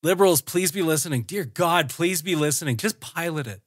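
A man's voice: a little high, fairly quick, no echo, studio quality. A man co-hosting a podcast with wry, joking remarks. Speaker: podcast co-host. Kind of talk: casual podcast chat.

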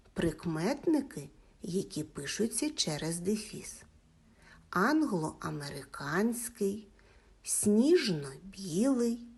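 Slow, breathy woman teaching a lesson. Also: lowish voice, a little mellow. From Ukraine. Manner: dictates words slowly, praising the class. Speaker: Ukrainian language teacher. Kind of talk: slow, clearly articulated classroom lesson.

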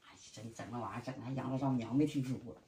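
A woman's voice: extremely low pitch, fairly even intonation, rapid-fire, warm tone. A middle-aged woman with a Northeastern Mandarin accent, chiding her son with frequent exclamations in casual chat. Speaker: mother of the vlogger.

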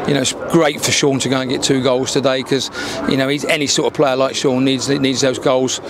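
Speaking briskly in a mid-range voice with little pitch movement, the older manager answers post-match questions candidly outside, beside a dark wall at the football ground. He talks into a handheld mic over background noise, frequently restarting and repeating words.

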